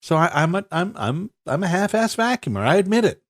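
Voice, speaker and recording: A stuffed-up podcast co-host with a high-sitting voice trades casual banter, very animated and a little fast. He rambles and swears, stammers through restarts, and laughs along the way.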